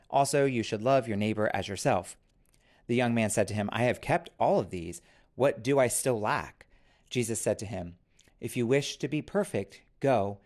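A man leads a church service, reading scripture and saying prayers in a measured, formal manner. His voice sits on the low side with a somewhat dark tone.

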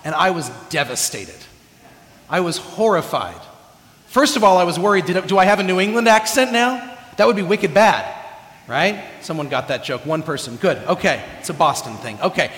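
In a church sanctuary with echoey hall reverb, a Californian preacher gives a chatty, humorous, self-deprecating sermon, frequently restarting phrases. His voice sits high and is animated and fairly bright, at a moderate pace.

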